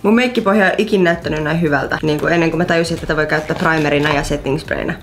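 A woman of about twenty, a vlogger chatting casually and telling animated stories to her viewers. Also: low-pitched, slight background noise. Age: around 20. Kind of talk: casual storytelling vlog.

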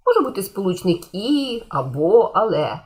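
A woman's voice: medium pitch, sing-song, normal speed, darkish tone. A woman teacher giving a patient grammar lesson to schoolchildren, repeating key points and asking the class questions.

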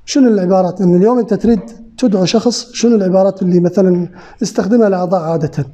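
A man lectures at a quick clip in a high, very dark-toned voice. He quizzes the room and repeats his key phrases. The recording sounds muffled and lo-fi. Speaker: sales trainer. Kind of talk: lecture to a live group. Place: training center lecture room.

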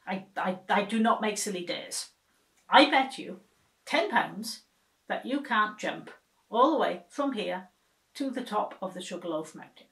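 A woman's voice: on the low side, steady tone, moderate pace, fairly bright tone, echoey room, natural voice. A woman playing a spluttering, indignant devil. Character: touchy, indignant male devil, sly and proud.

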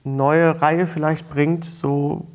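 Seated at a table on a small studio set with a lapel mic, a middle-aged talk show host presents casually, jokily and enthusiastically. His voice is a little high, with little pitch movement and a slow pace.

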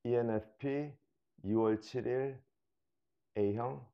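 A middle-aged man from South Korea answering interview questions casually, in a slow, halting way. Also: mid-range voice, steady tone, creaky, clear, resonant tone, muffled recording. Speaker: interview guest. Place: small living room, on a sofa indoors.

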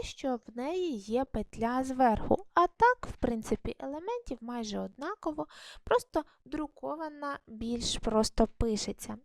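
A woman's voice: a little high, darkish tone, no room sound. Patient woman teacher, dry close voice. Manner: patient, step-by-step instructions with praise. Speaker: primary school teacher. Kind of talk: video lesson teaching handwriting.

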